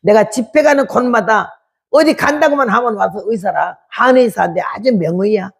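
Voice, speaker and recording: Gravelly-voiced woman in her eighties preaching. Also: medium pitch, normal speed. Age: 80s. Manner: emphatic, repetitive preaching with rhetorical questions. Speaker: missionary preacher. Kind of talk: testimony sermon.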